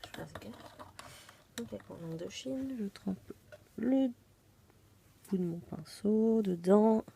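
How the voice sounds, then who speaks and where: A woman's voice: medium pitch, slow pace, vocal fry, background noise. A woman casually narrating a scrapbooking tutorial, chatty and self-deprecating, often dropping to a murmur as she works. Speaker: scrapbooking demonstrator.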